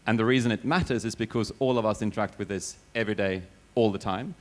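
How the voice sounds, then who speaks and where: Measured, low-voiced man on a panel. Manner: measured and reflective, with hesitations and self-corrections. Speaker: company CEO and panelist. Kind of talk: conference panel answer. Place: conference stage.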